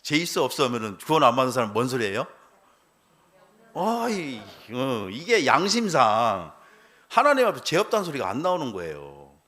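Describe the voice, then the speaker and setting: A man's voice: mid-range voice, very animated, moderate pace, bright, forceful tone. A middle-aged male pastor telling a personal testimony in a church sermon, acting out the dialogue and laughing as he goes.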